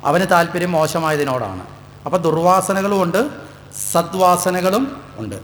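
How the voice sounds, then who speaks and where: Man from kerala, devotional discourse, fairly high voice, long echo, faint hum. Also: unhurried, a bit bright. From Kerala, India. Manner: rhetorical questions to the audience. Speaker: Bhagavatam discourse speaker. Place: temple hall. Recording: echoey hall with faint hum.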